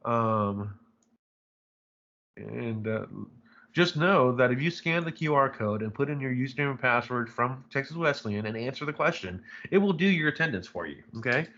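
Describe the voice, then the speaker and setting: A man's voice: mid-range voice, expressive, moderate pace, bright, forceful tone, highs cut off. A man teaching a live online chemistry lecture, talking casually and rambling, with many fillers and frequent "right?" checks. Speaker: chemistry instructor.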